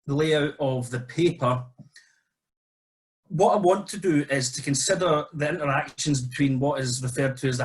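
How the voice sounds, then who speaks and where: A man researcher presents his paper at an online academic seminar. He talks in a relaxed, conversational way with small restarts. His voice sits at an ordinary mid pitch.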